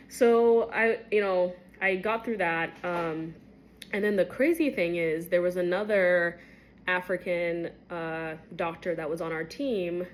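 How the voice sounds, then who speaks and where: Speaking to camera with plenty of fillers, a woman in her twenties, a medical resident born in Kenya, candidly shares a personal story in a conversational way. Her pitch climbs at the shocking parts, and the poor audio carries a little hiss or hum.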